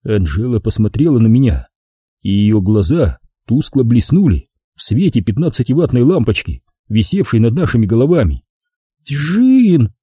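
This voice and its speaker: A man reading an audiobook aloud with animated storytelling. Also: fairly low pitch, normal speed, slightly rough, no echo, clean studio sound. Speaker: audiobook reader. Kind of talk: scripted narration.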